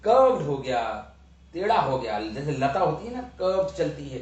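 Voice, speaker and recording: A man's voice: a little high, very animated, normal speed, a little mellow, highs cut off. A man giving a devotional lecture, chanting verses and explaining them word by word. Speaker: spiritual teacher. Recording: echoey room from far off, faint ambience.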